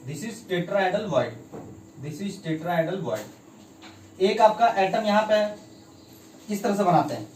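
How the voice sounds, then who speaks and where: Recorded with a distant mic in an echoey room, a chemistry teacher keeps asking students quiz questions and repeating key terms, some of them in English. His voice is high-pitched and a little mellow. Slight background noise is present.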